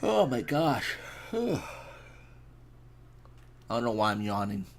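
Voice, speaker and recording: A man's voice: mid-range voice, big pitch swings, slow pace, a little hiss or hum. A young man casually chatting and reacting while streaming a fishing game, laid-back and rambling as he answers chat.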